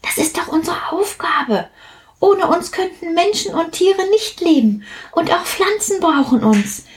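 A woman's voice: very high voice, lively intonation, unhurried, pitched above the performer's own voice. A woman voicing a cheerful, knowing young male water drop who eagerly explains things in a storybook. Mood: cheerfully explaining.

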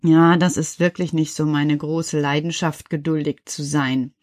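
A woman's voice: deep voice, little pitch movement, measured pace, darkish tone. A woman presenting for children, chatting casually and explaining plants simply. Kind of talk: casual chat.

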